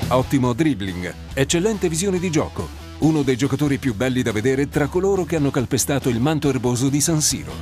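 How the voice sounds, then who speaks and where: A man reading scripted sports documentary narration in a measured, polished way. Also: medium pitch, lively intonation, loud music behind the voice.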